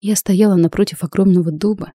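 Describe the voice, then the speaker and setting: A woman reading a first-person fantasy novel aloud, expressive and acting out the heroine's lines. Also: medium pitch, fairly quick, breathy edge, no echo, studio quality. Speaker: audiobook narrator.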